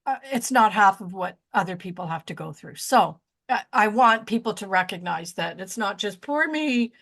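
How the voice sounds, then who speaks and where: Her voice is mid-range, creaky, and fairly bright, with lively intonation at a normal speed. This woman in her sixties co-hosts a podcast, rambling through casual chat, often losing her train of thought and making self-deprecating jokes.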